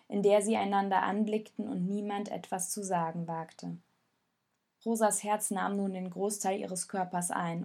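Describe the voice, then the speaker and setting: A woman calmly narrating a storybook in measured audiobook style. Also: medium pitch.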